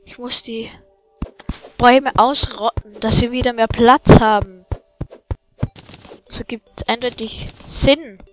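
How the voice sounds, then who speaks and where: A woman giving excitable let's-play commentary, yelling at enemies and chatting to viewers, with faint game music behind. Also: fairly high pitch, slow pace, pauses often, poor audio.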